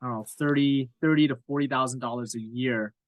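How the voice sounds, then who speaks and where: A man's voice: mid-range voice, fairly even intonation, quick pace, no room sound, rough recording. Man, 30s, from Cape Breton; podcast guest, candid, meandering, self-deprecating, dry close sound. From Cape Breton Island, Nova Scotia, Canada. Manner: candid, rambling, self-deprecating with frequent fillers. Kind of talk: casual interview chat.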